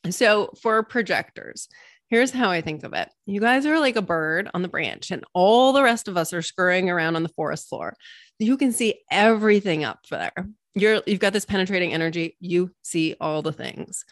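Woman podcast guest; animated teacher who tells playful stories, dry close sound. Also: medium pitch, normal speed, no echo. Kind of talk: explanatory podcast talk.

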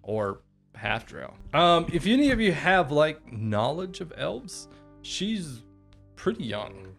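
Man, player, casual halting chat, lively swooping pitch, slightly higher voice. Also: gravelly, soft background music. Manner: halting, searching for words.

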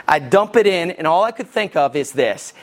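A man, preaching a sermon as lead pastor from Alabama with folksy, animated storytelling. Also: on the high side, normal speed.

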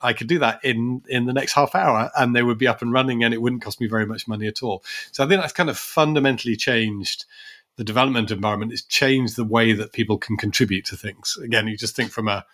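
A man's voice: medium pitch, fairly even intonation, quick pace, a bit bright. Male co-host, conversational and reflective, circles back often. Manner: thoughtful, many restarts and asides. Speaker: podcast co-host. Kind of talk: conversational policy discussion.

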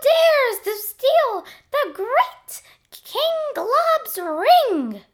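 Woman doing a squeaky little alien king, shouty and bossy, super high. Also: big pitch swings, drawn-out words, heavily acted. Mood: threatening. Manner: shouting threats. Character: squeaky alien blob king, male, menacing.

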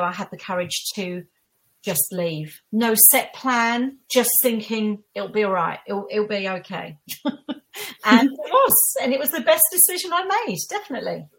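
A woman's voice: medium pitch, rough recording. Candid middle-aged Essex woman in conversation. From Essex, England. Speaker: podcast guest, tutor and former equities trader. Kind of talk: conversational interview answers.

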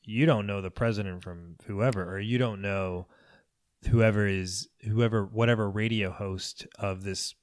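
A man's voice: fairly low pitch, fairly even intonation, measured pace. A man in casual podcast conversation who talks emphatically, often restarting and cutting in. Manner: emphatic, restarts a lot, interjects. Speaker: podcast host.

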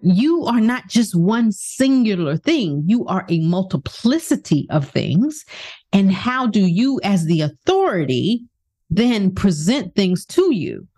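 A woman's voice: medium pitch, sing-song, slow, mellow. A woman giving a motivational talk as a self-help speaker, speaking emphatically and asking the listener rhetorical questions. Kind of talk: motivational monologue.

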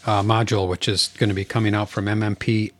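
A man's voice: on the low side, level tone, quick pace, fairly bright tone, dry recording. A man co-hosting a podcast in casual chat, agreeable and joking, often chiming in with short affirmations. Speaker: podcast co-host.

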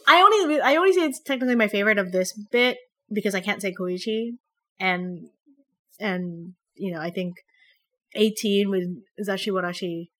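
A young woman born in the Philippines, with an American accent, co-hosts a podcast and chats casually about a TV show. Her voice is mid-range and her pace moderate. She's animated and blunt, swearing offhandedly.

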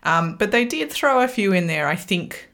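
A woman's voice: medium pitch, sing-song, moderate pace, vocal fry, a bit bright. A woman hosting a podcast, chatty and laughing often, with frequent "like" fillers. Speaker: podcast host. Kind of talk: podcast chat.

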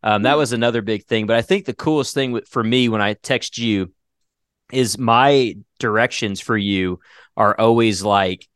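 A man with a lowish voice, recorded close and dry, hosts a podcast chat. He rambles with plenty of "um" and "uh," circling back on himself. He talks with a slight lilt. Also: normal speed, a bit bright, smooth, no echo. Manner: rambling, lots of fillers and restarts. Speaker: podcast host and writer. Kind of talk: casual chat.

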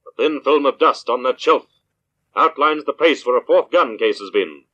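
An unseen avenger of old radio drama, stern and menacing. His filtered voice is hard-edged and tense, delivering slow, commanding pronouncements. The recording is dull and lo-fi. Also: mid-range voice, a bit bright, slightly rough, pitched above the performer's own voice. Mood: accusing, stern. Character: the Shadow, stern unseen male avenger, menacing and all-knowing. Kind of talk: 1940s radio acting.

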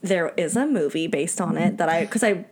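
A woman's voice: on the low side, moderate pace, darkish tone. A young woman co-hosting a podcast in casual chat, rambling and full of "like"s. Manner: chatty, rambling, many "like"s. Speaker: podcast co-host.

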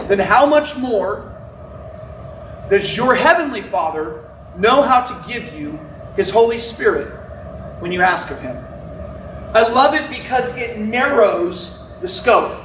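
Here a high-pitched man preaches loudly in a church sanctuary, his sermon casual in tone and sprinkled with remarks to the congregation. He was recorded from a distance without a microphone, giving a roomy sound with slight hiss or hum.

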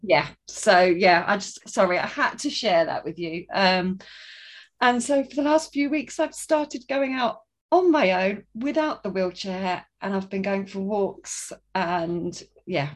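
A woman's voice: medium pitch, a little slow. Chatty woman telling a faith story. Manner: chatty, restarts sentences, acts out quoted voices. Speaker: guest sharing a testimony. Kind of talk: casual storytelling.

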